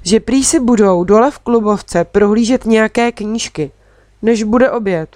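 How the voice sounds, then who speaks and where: A woman narrating a children's story in the first person, with lively, expressive delivery. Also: fairly high pitch, no echo, studio quality. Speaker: audiobook reader.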